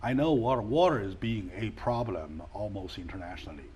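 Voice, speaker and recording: A man hosting an interview show, speaking in a halting way with many fillers and restarts. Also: lowish voice, expressive, a crowd in the background. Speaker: talk show host. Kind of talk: casual interview.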